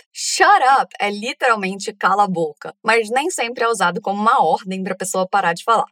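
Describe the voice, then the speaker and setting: Woman teacher modeling phrases slowly. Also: medium pitch, fairly bright tone, no echo, clean studio sound. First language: Portuguese. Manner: slow, deliberate word-by-word modeling. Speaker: English teacher. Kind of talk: pronunciation lesson with drills.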